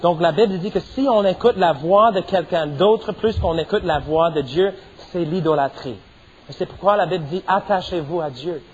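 A man's voice: high voice, moderate pace, a little mellow, dull audio. A middle-aged man preaching a sermon as pastor, stressing points and punctuating them with amens. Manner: preaching with rising emphasis and repeated amens.

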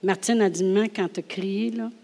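Speaking in a large hall, a Québécois French-accented woman delivers an animated sermon story, laughing frequently and moving between quiet asides and loudly acted-out lines. Her voice is medium in pitch, with fairly even intonation and a moderate pace.

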